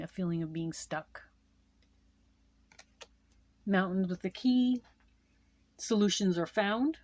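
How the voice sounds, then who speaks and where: Woman, lower voice, casual card-reading teacher, repeats points, loose and chatty. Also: a little mellow. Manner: repeats key meanings, with fillers and asides. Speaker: tarot and Lenormand card reader teaching. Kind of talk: casual instructional explanation.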